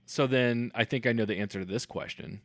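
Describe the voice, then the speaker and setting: A man co-hosting a casual podcast about movies, enthusiastic and quick to laugh. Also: mid-range voice, fairly bright tone, dry recording. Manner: enthusiastic, laughs often, restarts sentences. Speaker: podcast co-host.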